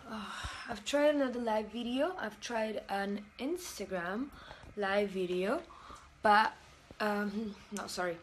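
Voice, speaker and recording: Against a noisy background, a young adult woman with a medium-pitched voice hosts a casual livestream from a hotel bathroom floor, reading out comments and using lots of fillers. She comes from Italian-speaking Switzerland, with Italian as her first language. Her phone is held at arm's length facing a mirror, so the mic sits at a distance in the echoey tiled space.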